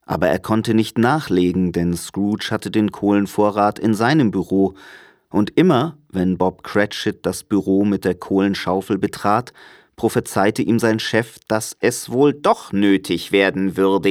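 A man narrating an audiobook in a calm, measured storytelling manner. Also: low voice, no room sound, clean studio sound. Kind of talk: audiobook reading.

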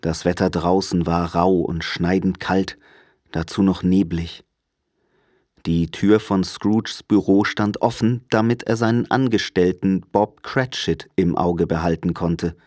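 A man narrating an audiobook in a calm, measured storytelling manner. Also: low-pitched, no echo, studio quality. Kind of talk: audiobook reading.

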